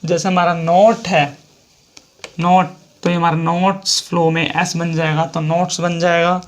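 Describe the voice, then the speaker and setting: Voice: mid-range voice, flat delivery, unhurried. A shorthand teacher with an Indian accent explaining a lesson step by step, repeating each example and spelling words out letter by letter.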